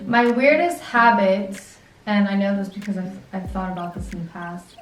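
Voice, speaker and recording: A woman's voice: medium pitch, normal speed. A woman in her twenties chatting casually on a vlog, rambling with lots of "like" and restarts. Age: 20s. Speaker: vlog co-host answering questions. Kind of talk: casual chat. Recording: roomy echo, mic at a distance, music behind.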